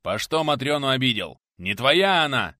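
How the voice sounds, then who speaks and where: A man's voice: medium pitch, very animated, normal speed, no echo, studio quality, pitched above the performer's own voice. A man voicing a brash bearded young warrior who barks his lines. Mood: gruff. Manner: loud barking retorts.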